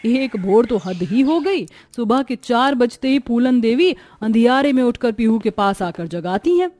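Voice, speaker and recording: A woman reading a scripted family story in a lively, dramatic narrating voice. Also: a little high, a little slow, no echo.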